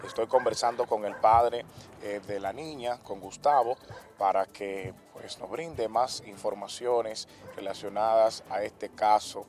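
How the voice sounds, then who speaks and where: A man working as a news reporter, asking formal, measured questions in an outdoor interview. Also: lowish voice, fairly even intonation, darkish tone, soft background music.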